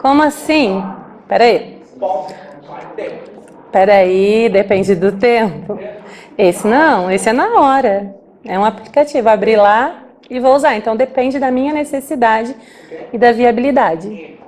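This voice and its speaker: A woman voicing a deaf speaker's talk aloud as a sign language interpreter, lively and acting out small scenes. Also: on the high side. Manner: lively, acts out little scenes with quick asides. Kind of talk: live spoken interpretation of a talk.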